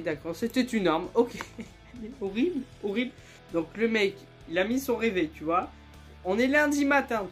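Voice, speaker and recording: A young man retelling absurd stories in a casual, joking, slangy way, laughing often and breaking into loud squeals of outrage. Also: sits high. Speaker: YouTuber. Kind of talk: casual comedic storytelling and reading aloud.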